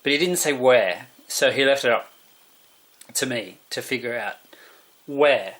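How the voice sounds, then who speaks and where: A man's voice: mid-range voice, a little slow, a bit bright. A man, vlogging in a meandering, musing monologue that keeps correcting itself. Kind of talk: rambling monologue.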